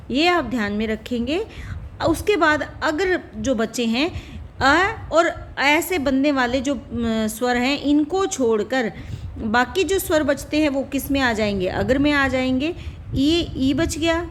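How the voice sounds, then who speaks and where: A woman's voice: sits high, slight background noise. A woman explaining a Hindi grammar lesson as a teacher, patient and repetitive, often asking questions and answering them herself. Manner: patient, repeats and asks rhetorical questions. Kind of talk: classroom-style lesson explanation.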